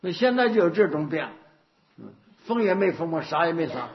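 Buddhist teacher, male, animated and higher-pitched delivery, anecdotal sermon style, lo-fi recording. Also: fairly quick. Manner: anecdotal, repetitive, rhetorical questions. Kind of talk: dharma talk. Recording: dull lo-fi recording.

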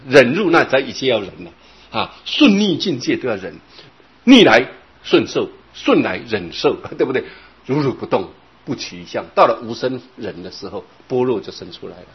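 Male Buddhist teacher, husky and animated, giving a long dharma talk on a dull lo-fi recording. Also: mid-range voice. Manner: expounding, drawing out particles, repeating phrases.

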